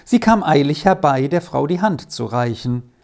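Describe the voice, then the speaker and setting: Woman, storybook narrator, calm, measured, dark, gravelly. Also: low-pitched. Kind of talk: reading a children's story aloud.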